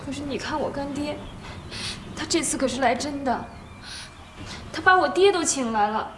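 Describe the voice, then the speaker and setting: Casting: distressed goddaughter, high voice, pleading. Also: female voice, expressive, normal speed, noisy background. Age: young adult. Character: tearful, anxious young woman. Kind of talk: TV drama acting.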